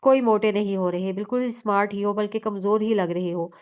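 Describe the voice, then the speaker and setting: Scolding mom character, loud and upset, woman reading it. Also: medium pitch, fairly even intonation, brisk, clear, resonant tone, close to an everyday voice. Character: angry doting mother of a grown son.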